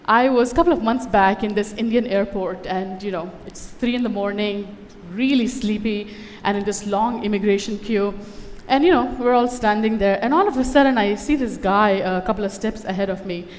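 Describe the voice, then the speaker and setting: Speaking at a moderate pace with hardly any pauses, a woman with a mid-range voice shares a witty, conversational personal talk on stage, adding wry asides for the audience. She grew up in Dubai and is a conference speaker. The recording has a big-room sound and a little hiss or hum.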